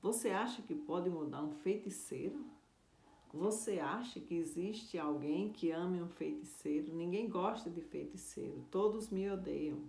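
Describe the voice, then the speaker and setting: Woman voicing an angry bullying sorcerer uncle for a storybook, loud and resentful, roomy echo. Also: sits high, a little slow, creaky, pitched above the performer's own voice. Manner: shouting, resentful, raised voice.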